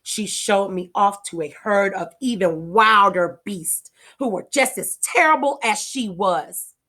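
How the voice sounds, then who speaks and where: A woman's voice: medium pitch, unhurried, pushed and bright. A woman voicing a small, indignant, cunning furry beast in a children's storybook, melodramatic and put-upon. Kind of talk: children's storybook read-aloud.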